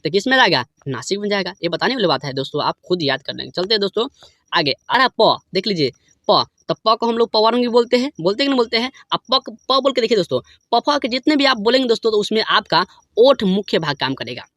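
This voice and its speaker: High bright-voiced male tutor, dry sound. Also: sing-song, fast, no echo. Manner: repeats questions and answers, addresses viewers as friends. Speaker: teacher. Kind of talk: exam-prep lesson.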